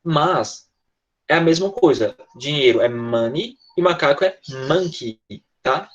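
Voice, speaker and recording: A man's voice: fairly high pitch, animated, a little slow, highs cut off. A man with a Brazilian Portuguese accent teaching English in an online class, patient and repetitive, often checking with his students.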